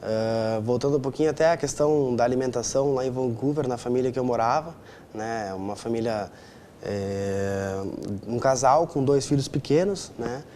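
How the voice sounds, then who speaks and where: A southern Brazilian man in his twenties, from Rio Grande do Sul, speaks at a medium pitch and a moderate pace with a warm tone. He is an interview guest answering conversationally, often with agreement-seeking tag questions, and there is a little hiss or hum on the recording.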